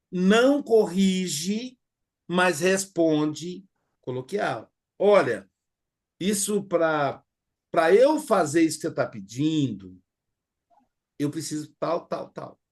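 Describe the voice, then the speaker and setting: A man's voice: on the high side, animated, slow pace. A middle-aged man with a Brazilian accent giving a conversational class lecture, full of fillers and acted quotes. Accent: Brazilian Portuguese. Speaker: teacher.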